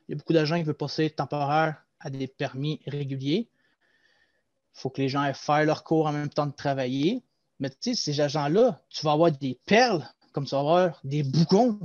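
Animated young Québécois man on a headset. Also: a little high, no echo. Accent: Québécois French. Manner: animated, explanatory, gestures while talking. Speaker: guest, former loss-prevention agent. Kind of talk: casual interview over video call. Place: small room at home. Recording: dull lo-fi video call audio.

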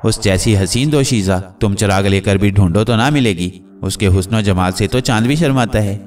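A man's voice: lowish voice, moderate pace, darkish tone, lightly acted. A man voicing a haughty, scolding witch who guards her daughter's marriage. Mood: imperious. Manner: imperious, scolding. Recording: distant mic with faint music.

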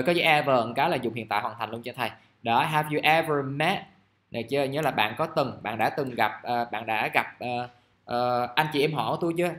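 Man, English teacher, casual classroom explaining, slow example sentences. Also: mid-range voice, a bit bright. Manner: chatty, reads example sentences slowly. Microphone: recording device at his desk.

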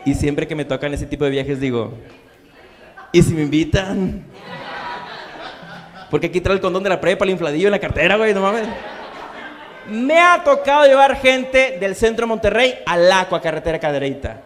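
A man's voice: high voice, expressive, fairly quick, fairly bright tone, a faint crowd. A man doing a crude, slang-heavy stand-up comedy set on stage in a comedy bar. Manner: crude, slangy punchlines with acted-out quotes. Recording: live club with long reverb.

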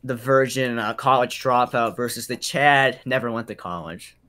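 A man hosts a loose panel stream in a bright, forward voice. He jokes, banters, and keeps things moving. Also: medium pitch, normal speed. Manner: joking, banters and laughs. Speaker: show host. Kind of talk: casual podcast panel chat.

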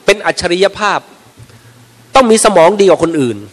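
High-voiced man teaching in a reverberant mosque. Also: moderate pace. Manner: lively storyteller who acts out little everyday scenes. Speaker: Islamic religious teacher. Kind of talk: informal religious lecture. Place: mosque prayer hall. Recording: long reverb of a large prayer hall.

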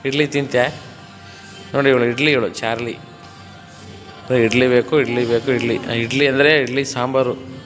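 A man's voice: mid-range voice, steady tone, moderate pace, pauses often, fairly bright tone, big-room sound, faint music behind. A man working as a fitness trainer, counting reps and coaxing and teasing his client through a workout in a gym. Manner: counts reps, coaxes and teases the client playfully.

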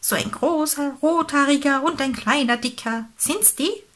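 A woman voicing a strong, helpful pelican in a children's storybook, talking loudly and heartily. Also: high-pitched, unhurried, voice pushed up. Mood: hearty. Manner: loud, bright and hearty.

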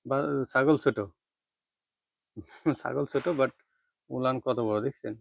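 A man who runs a goat farm, giving a casual walking tour of his shed and speaking quietly so he does not wake the goats. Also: mid-range voice, steady tone, takes it slowly, vocal fry. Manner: speaks softly to avoid waking the goats.

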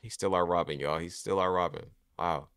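Young streamer, bright and lowish voice, emotional and exclamatory, dry close mic. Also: male voice, fairly even intonation, fairly quick, clean tone, dry recording. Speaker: gaming streamer. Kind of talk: casual gameplay commentary.

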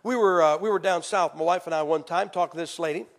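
A man preaching a sermon, telling stories with acted quotes and swinging from loud to hushed. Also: fairly high pitch, quick pace. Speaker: evangelist preacher. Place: church. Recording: hall reverb.

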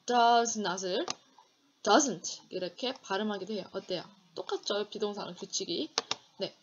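A Korean woman teaching an online English grammar lecture, reading English example sentences slowly and deliberately. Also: medium pitch, lo-fi sound, a little hiss or hum.

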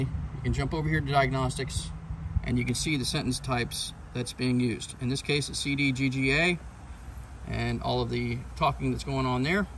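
A middle-aged American man presents a do-it-yourself boat video, plainly walking through a hands-on tutorial step by step, on and around a boat outdoors and at a workbench. His voice is medium-pitched, with background noise.

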